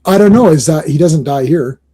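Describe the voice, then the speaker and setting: Excitable man hosting a podcast chat. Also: fairly high pitch, brisk, breathy edge. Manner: excitable, laughs often, rambling restarts. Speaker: podcast host. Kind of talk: casual chat, reviewing comics.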